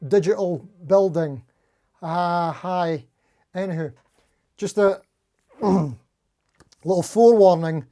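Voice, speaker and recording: Over-caffeinated man with a mellow voice. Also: sits high, slow, pauses often, faint music behind. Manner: over-caffeinated, jittery rambling; self-deprecating. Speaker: live stream host, guitar player. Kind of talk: casual live stream chat, greeting viewers.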